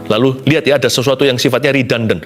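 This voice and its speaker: A man preaching an animated sermon. He mixes in English phrases and swings between high excited exclamations and low soft asides. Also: fast, soft background music. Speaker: pastor.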